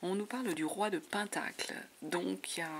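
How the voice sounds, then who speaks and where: A woman giving a monthly tarot reading in a soft, half-whispered voice full of fillers, her voice giving out. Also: fairly low pitch, moderate pace. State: voice giving out, clearing throat. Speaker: tarot reader. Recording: noisy home recording.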